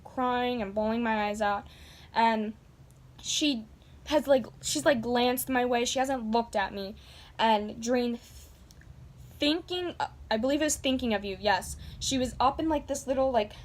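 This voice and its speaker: A woman vlogger with a fairly high voice tells a story to camera at a measured pace. She gushes casually and fills her talk with "like."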